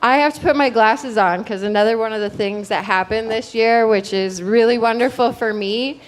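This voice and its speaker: Higher-voiced middle-aged female stand-up comic. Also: moderate pace. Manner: chatty, rambling, addresses the crowd directly. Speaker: stand-up comedian. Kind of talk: stand-up comedy.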